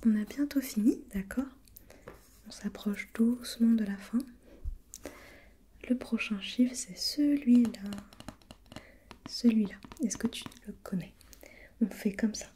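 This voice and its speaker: A woman playing a gentle, patient preschool teacher in a soft, breathy whispered role-play, encouraging and repeating softly. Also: a little high, slow, pauses often, slight background noise.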